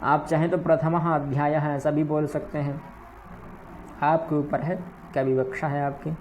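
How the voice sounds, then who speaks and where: A man teaching Sanskrit recitation, saying verse words slowly and correcting how each sound is pronounced, often checking in with "ठीक है". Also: a little high, flat delivery, darkish tone, a little hiss or hum. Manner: slow, careful pronunciation drills. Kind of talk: recitation lesson.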